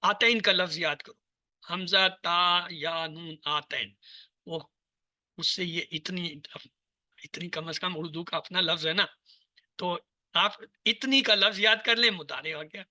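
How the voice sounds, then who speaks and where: A man teaching a language lesson to an online class over a video call, drilling word forms one by one in steady repetition. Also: high-pitched, takes it slowly, no echo, clean studio sound. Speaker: Arabic teacher.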